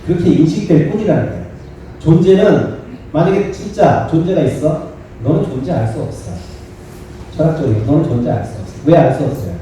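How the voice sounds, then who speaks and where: Monk preaching in an echoey hall. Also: male voice, a little high, expressive, a little fast, dark tone, recorded from a distance, a little hiss or hum. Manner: conversational, acts out quoted dialogue, asks the audience questions. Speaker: monk giving a dharma talk. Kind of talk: sermon. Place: temple dharma hall.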